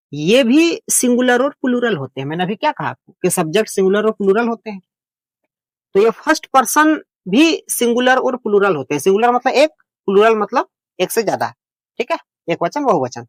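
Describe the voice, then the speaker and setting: A man teaches beginner English, explaining it in Hindi in a plain, homely way. He is patient, repeats every point, and reassures his learners. His high-pitched, sing-song voice is a little fast, with no room sound.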